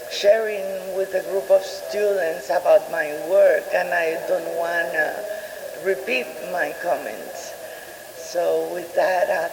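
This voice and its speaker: A woman speaks slowly and haltingly at a gallery opening, pausing and searching for words as she introduces herself as an artist. Her voice rings around a roomy gallery with a long reverb tail and faint background noise. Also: medium pitch. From Puerto Rico. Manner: slow, halting, many pauses and fillers. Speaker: exhibiting artist. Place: college art gallery.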